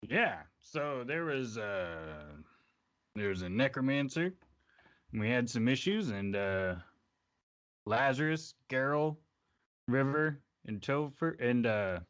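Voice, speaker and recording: A man's voice: mid-range voice, lively intonation, takes it slowly, fairly bright tone. A man narrating as game master of a tabletop game in a loose, conversational way.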